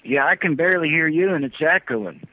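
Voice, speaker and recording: A man calling in to an interview over a phone line, talking in a halting, earnest way and often repeating himself. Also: a little high, animated, slightly rough. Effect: phone line, heard over the phone. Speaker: phone-in guest. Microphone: telephone, satellite phone. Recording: tinny narrow-band phone line.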